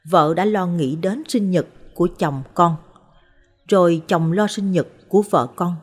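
A woman narrating short life stories in a calm, measured, scripted way. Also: fairly low pitch, husky. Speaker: storyteller. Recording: soft background music.

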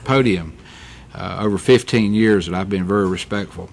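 Speaking at normal speed in a low, creaky voice, a middle-aged man addresses a public meeting as county commissioner. In the meeting chamber he tells stories candidly, rambles somewhat and corrects himself, with slight background noise.

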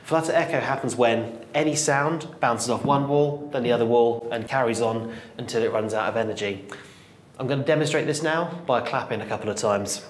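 A man, an applications engineer, giving a calm and measured technical explanation in a bare stairwell, where flutter echo bounces between the walls. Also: medium pitch, noisy background.

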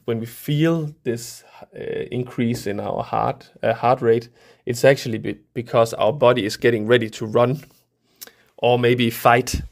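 A man's voice: mid-range voice, creaky. A middle-aged man from Denmark, a researcher, explaining science to kids in a thoughtful way, with many fillers and restarts. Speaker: researcher guest.

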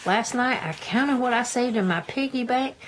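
A woman's voice: a little high, normal speed, slight background noise, pitched above the performer's own voice, natural voice. An older woman voicing an eager, sweet little girl in a grandmotherly storybook manner. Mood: happy.

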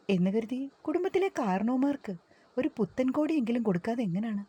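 A woman narrating a family story, gently voicing the relatives' lines now and then. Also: a little high, husky. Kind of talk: scripted story narration with dialogue.

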